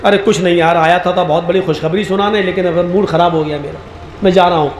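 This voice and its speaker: A man voicing a disappointed disciple who complains to his pir in a lower, grumbling voice. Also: fairly even intonation, fast talker, echoey room, a little hiss or hum, lightly acted. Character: dismayed male disciple of a pir.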